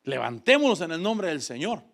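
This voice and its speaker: A man preaching a fervent sermon, calling on the congregation to repeat after him and swinging between loud exhortation and soft asides. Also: a little high, very animated, a little fast, vocal fry.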